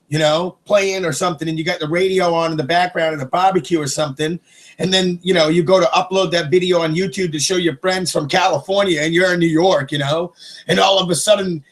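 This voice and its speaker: A man's voice: sits high, fairly bright tone. A man vlogging a profane, rambling political rant, agitated and swearing. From United States.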